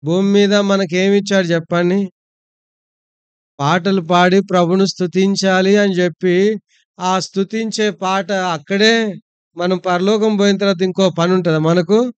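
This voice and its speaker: A man preaching with a smooth, resonant voice, keeping his listeners engaged with question after question. His pitch sits a little high for a man, and the recording is dry and slightly dull. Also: fairly even intonation, unhurried, no echo. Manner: coaxing, asks the congregation questions. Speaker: pastor. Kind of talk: sermon. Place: church hall.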